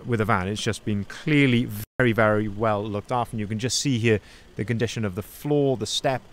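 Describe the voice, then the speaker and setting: Outdoors on a dealership lot, a young man who manages van sales shoots an upbeat walkaround review first-person on a handheld phone. Salesman-style, he highlights features and flaws; his voice is medium-pitched, with a little hiss or hum audible.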